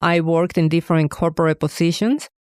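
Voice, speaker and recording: A woman's voice: fairly low pitch, fairly even intonation, a little fast, darkish tone, dry recording, clean studio sound. A middle-aged woman from Venezuela, telling her story as an interview guest in an earnest, reflective way. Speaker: guest, bakery owner. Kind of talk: casual interview answers.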